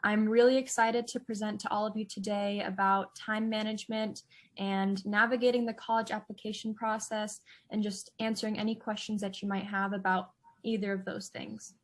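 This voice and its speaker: A woman's voice: medium pitch, flat delivery, moderate pace. A young woman from California introduces herself as a student intern on a video call webinar. She sounds upbeat and friendly. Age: young adult.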